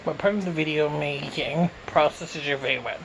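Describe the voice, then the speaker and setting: Recorded on a phone, this Canadian YouTuber chats through a casual mukbang Q and A, answering viewer questions while eating and talking with his mouth full. His voice is a little high with vocal fry and a fairly quick pace, and the rough recording carries a little hiss or hum.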